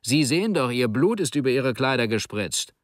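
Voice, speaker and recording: A man voicing a pushy male building cleaner who shouts and insists in a storybook reading. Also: fairly low pitch, expressive, fairly quick, no echo, clean studio sound, natural voice. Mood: insistent. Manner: shouting, stubborn.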